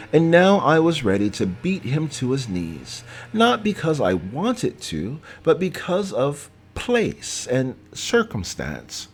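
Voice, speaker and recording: Male audiobook narrator, unhurried, animated pitch, acts out dialogue. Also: slight background noise. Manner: measured, voices characters with vernacular dialogue.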